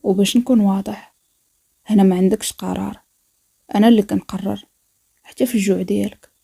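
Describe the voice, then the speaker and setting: A woman with a Moroccan accent voicing a possessive, menacing male mafia boss in a storybook, speaking low, quiet and controlling. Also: steady tone, quick pace, creaky, husky. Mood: domineering.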